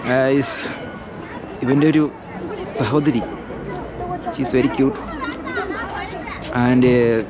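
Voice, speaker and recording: A young Malayali man hosts a casual travel vlog in a mid-pitched voice. He blends Malayalam with English words and phrases as he addresses viewers. He is outdoors, with people audible around him. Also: steady tone, very slow, long pauses. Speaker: travel vlogger. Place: outdoors around a hill town and forest. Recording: outdoor street sound with background chatter.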